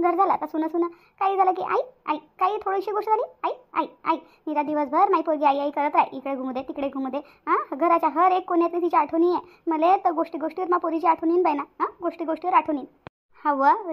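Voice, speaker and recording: A woman's voice: extremely high pitch, dull audio. A woman voicing a tearful middle-aged mother in a cartoon, wailing over her married daughter.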